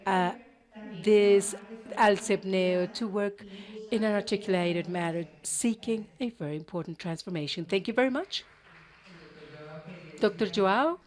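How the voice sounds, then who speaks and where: A woman interpreting a conference panel live, halting, with cut-off words and restarts. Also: mid-range voice, a little mellow. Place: conference auditorium.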